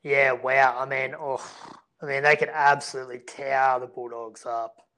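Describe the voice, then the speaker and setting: A man's voice: medium pitch, little pitch movement, normal speed, pushed and bright, poor audio. An Australian man co-hosting a sports podcast in casual chat, laid-back and full of blokey slang. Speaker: fantasy rugby league podcast host.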